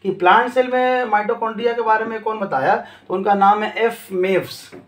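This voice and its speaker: Speaking at a normal speed in a high-sitting voice, a male teacher lectures his class. He answers his own questions and circles back to every key term several times, all in an echoey room.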